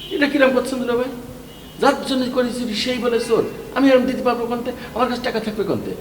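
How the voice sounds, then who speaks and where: A sly scheming brother-in-law. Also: male voice, sits high. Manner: wheedling, fast-talking, animated. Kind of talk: TV drama acting. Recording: echoey room, faint noise.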